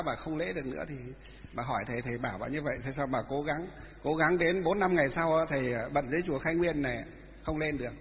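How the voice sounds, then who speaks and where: Monk, echoey tinny sound. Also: male voice, a little high. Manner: halting, many filler sounds. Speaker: Buddhist monk teacher. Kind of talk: dharma talk with storytelling.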